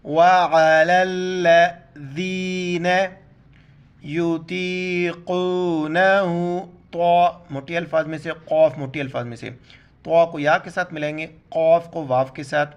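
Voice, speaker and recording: A man teaching Quran recitation word by word, spelling out letters and vowel marks, then slowly drawing out each recited word. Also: fairly high pitch, fairly even intonation, muffled recording.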